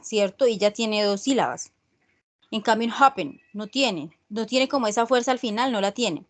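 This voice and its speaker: A woman teaching an online English class, explaining rules slowly and checking in with her students often. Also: on the high side. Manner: slow, repeats "¿sí?" checks with students. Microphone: video call.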